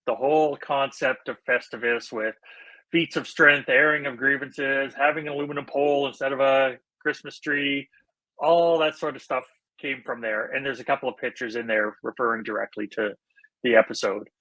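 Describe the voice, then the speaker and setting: A man's voice: medium pitch, fairly even intonation, normal speed, sharp tone, rough recording. A man co-hosting a podcast in casual chat, explaining things in an earnest, easygoing way. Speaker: podcast co-host.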